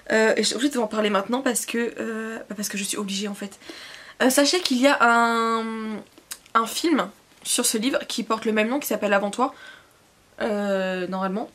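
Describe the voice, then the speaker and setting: Young woman, casual book vlog, rambling, hesitant, self-deprecating, fairly high voice. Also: a bit bright. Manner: rambling, hesitant, many fillers and self-corrections; self-deprecating, laughs at herself. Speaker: book vlogger.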